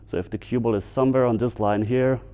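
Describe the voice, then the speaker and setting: A man from Bavaria with a German accent, a native German speaker giving casual, unscripted instructional commentary as a video host, pausing to find his words. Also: medium pitch, fairly even intonation, dark tone, clean tone. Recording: music behind the voice. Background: background music.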